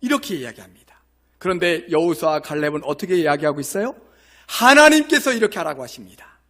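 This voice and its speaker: Male pastor from Korea, higher-pitched, measured sermon delivery with rhetorical questions. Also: very animated, a bit bright. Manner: slow, measured scripture reading, then explaining with questions to the congregation. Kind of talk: sermon with scripture reading. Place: church sanctuary.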